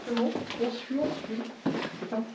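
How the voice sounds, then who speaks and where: A woman calls out short clipped remarks from well off the mic, and her voice rings back off the walls of an underground cave. The sound is dull and muffled, with loud steady noise behind her. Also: fairly high pitch, normal speed. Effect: echo of an underground cave. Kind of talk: casual remarks between visitors. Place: underground tunnels, indoors. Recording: distant, dull and noisy with cave echo.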